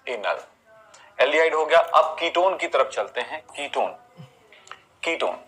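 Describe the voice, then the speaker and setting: A man's voice: fairly high pitch, lively intonation, unhurried, bright, forceful tone, breathy edge, poor audio. A man teaching a chemistry lesson, explaining step by step, counting carbons aloud and asking his students rhetorical questions. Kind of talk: classroom lecture on chemistry naming.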